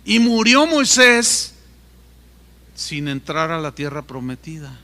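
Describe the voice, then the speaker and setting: A middle-aged male pastor preaching a sermon, telling a story with animated asides to the congregation. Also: on the high side, slow, in a large hall.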